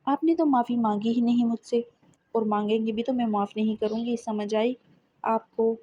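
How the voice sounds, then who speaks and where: Woman doing an upset young wife, indignant and pleading, mellow. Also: a little high, fairly even intonation, husky, muffled recording.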